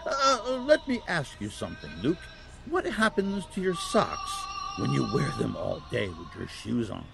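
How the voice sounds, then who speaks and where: An actor playing a kindly, patient old Saint Nicholas as Santa in a family audio drama, telling stories with a gently halting, chuckling manner. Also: male voice, mid-range voice, wildly swooping pitch, creaky, over music, exaggerated voice, poor audio. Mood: gently explaining.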